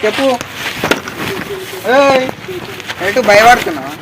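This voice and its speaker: A man's voice: very high-pitched, big pitch swings, slow. A teenage boy picking a quarrel on a street, confrontational and taunting, as part of a prank. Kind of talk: heated street argument. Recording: loud traffic noise outdoors.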